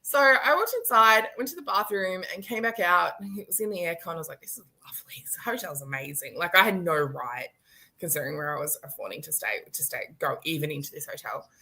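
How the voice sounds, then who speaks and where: Late-30s woman on a video call, bright punchy voice, animated, laughing as she tells it. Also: on the low side, a little fast. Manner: animated storyteller, laughing often, acting out quotes. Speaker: guest. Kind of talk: storytelling in a live-stream chat.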